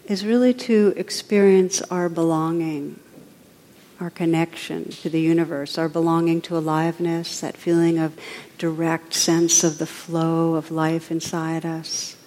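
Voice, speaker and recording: A woman leads a spiritual talk in a low voice that stays level and unhurried, rarely rising or falling. Her soft, reflective phrasing rings out with a long reverb, as if she is speaking in a large hall. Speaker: meditation teacher. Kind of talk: spiritual talk with guided meditation.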